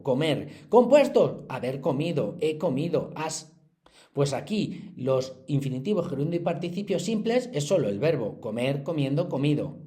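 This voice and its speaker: A man's voice: mid-range voice, warm tone. A man, teaching a lesson review and patiently reciting conjugation examples in a sing-song list.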